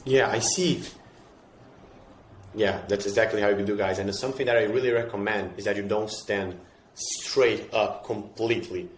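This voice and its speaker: A man's voice: on the low side, normal speed, echoey room, slight background noise. A man with a Brazilian accent explaining fitness ideas casually and emphatically, often repeating himself and asking rhetorical questions.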